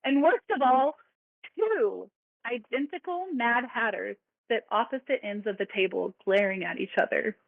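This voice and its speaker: A woman's voice: on the high side, normal speed, vocal fry, dry recording. A woman narrating a tabletop game as dungeon master, playful and laughing, with frequent fillers. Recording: dry, phone-like sound.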